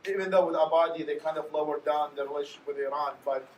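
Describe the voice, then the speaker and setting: A man speaks as a panelist, earnest and winding, often restarting his sentences. His voice sits a little high, and the sound comes from a distant mic in a reverberant hall with a faint hiss underneath. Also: steady tone, fast, muffled recording. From Iraq. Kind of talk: panel discussion answer. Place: lecture hall.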